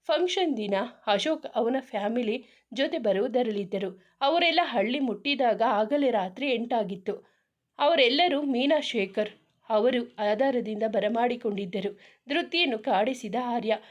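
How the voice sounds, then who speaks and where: A woman narrating a serialized story in a steady, even reading voice. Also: a little high, unhurried.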